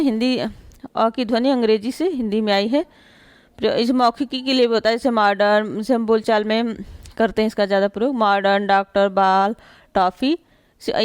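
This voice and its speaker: A woman with a clear, smooth voice teaches grammar in a patient, step-by-step way. She checks in with her students often and stretches sounds out to show how they are pronounced. The recording is dry, with no room sound. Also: on the high side, no room sound. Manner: explains slowly with many fillers and repeated "ठीक है" checks; draws out sounds when demonstrating pronunciation. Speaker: Hindi teacher. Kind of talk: classroom grammar lesson.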